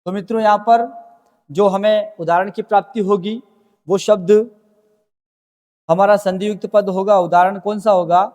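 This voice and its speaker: A man's voice: sits high, fairly even intonation, moderate pace, long pauses, a little mellow, in a large hall. A man teaching a grammar lesson, explaining step by step and answering his own questions as he goes.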